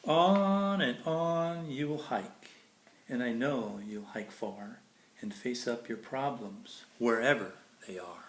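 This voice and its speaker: Here a man with a medium-pitched voice takes his time reading a picture book for kids, hamming it up with playful drama. Now and then he makes casual asides about the pictures. There's a roomy echo and faint noise behind him.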